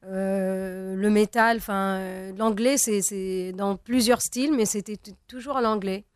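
A young woman from Tunisia, a native Arabic speaker, talks through an interview as a singer, pausing often and restarting her sentences. Her voice is smooth and resonant, recorded close and dry. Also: mid-range voice, fairly even intonation, dry recording. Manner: hesitant, many fillers and restarts. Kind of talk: interview conversation.

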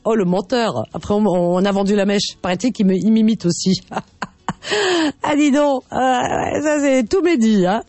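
A woman hosting a radio show in casual, chatty banter, expressive and teasing, punctuating her talk with tag words. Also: medium pitch, normal speed, no echo. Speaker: radio host. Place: radio studio.

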